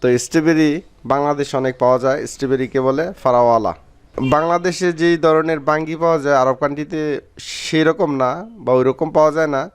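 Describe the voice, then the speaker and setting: A man from Bangladesh teaching a vocabulary lesson, repeating each word slowly and clearly. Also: a little high, steady tone. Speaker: Arabic language teacher.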